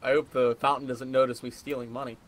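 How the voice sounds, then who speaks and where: A man's voice: mid-range voice, flat delivery, quick pace, fairly bright tone, a little hiss or hum. Man narrating his rogue's moves. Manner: describes actions in third person, hesitant. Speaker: player. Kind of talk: narrating his character's actions.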